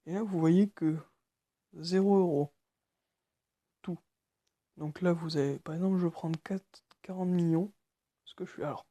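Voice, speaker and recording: A nervous man walking through a phone tutorial, speaking quietly and haltingly with many fillers. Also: on the high side, steady tone, no echo. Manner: speaking quietly late at night. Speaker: tutorial maker. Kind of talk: screen-recorded phone tutorial.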